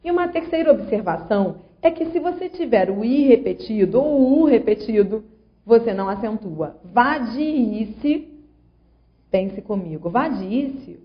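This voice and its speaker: At a moderate pace, a woman with an animated, mid-range voice teaches grammar online, patiently sounding out syllables and asking the viewer to participate. The audio is lo-fi and a bit dull.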